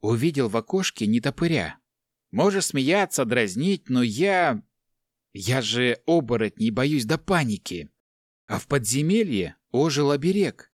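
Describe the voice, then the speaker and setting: A man's voice: mid-range voice, big pitch swings, a little slow, no echo, clean studio sound. Man reading as a timid young monk. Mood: defensive. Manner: anxious, defensive, prim. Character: timid, bookish young male monk, easily frightened.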